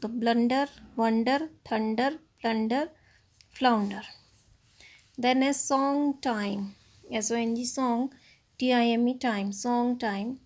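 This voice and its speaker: A woman with an Indian accent teaches a children's English lesson, spelling each word out letter by letter and then giving its meaning in Hindi. Her voice sits a little high. She speaks very slowly and deliberately. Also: steady tone, darkish tone.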